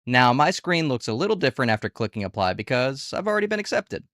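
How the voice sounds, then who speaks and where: This man reviews online gig work platforms in a chatty tutorial, candid and casual, posing rhetorical questions as he goes. His mid-range voice is a bit bright, fast, and full of big pitch swings, in clean studio sound with no room sound.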